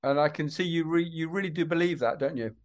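A man's voice: fairly high pitch, quick pace. A man hosting a conversational podcast interview, affirming his guest and often repeating words and phrases.

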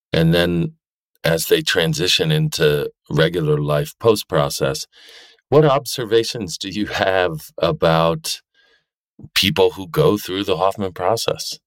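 A man hosting an interview, asking his guest questions in a measured, inquisitive way. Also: low-pitched, no room sound. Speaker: podcast host.

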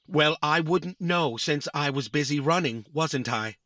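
A man's voice: fairly high pitch, a little slow, sharp tone, no echo. A man performs a small boy robot in a family audio drama who takes everything literally. He lists exact times down to the millisecond in a slightly raised voice, recorded close and dry. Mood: matter-of-fact. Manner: pedantic, counts exact milliseconds. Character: literal-minded, precise young boy robot.

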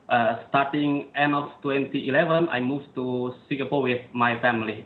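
A man from Indonesia with an Indonesian accent, speaking carefully as an interview guest, with frequent "uh" fillers. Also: medium pitch. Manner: careful, halting speech with "uh" fillers. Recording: roomy, dull remote line.

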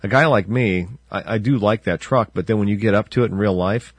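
A man co-hosting a podcast, chatting and joking quickly. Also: fairly low pitch, breathy edge, no room sound. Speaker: podcast co-host. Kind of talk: casual car chat.

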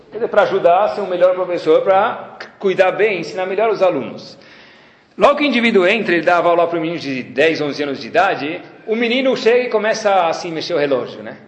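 A man's voice: high-pitched, fast talker. A man, a rabbi giving a lecture with anecdotes and acting out dialogues. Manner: animated storytelling, acting out dialogues. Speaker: rabbi teaching a class. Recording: roomy echo.

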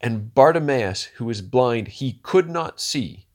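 A man preaching a sermon, swinging from hushed, slow lines to loud, rousing ones and asking the listeners rhetorical questions. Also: medium pitch, animated.

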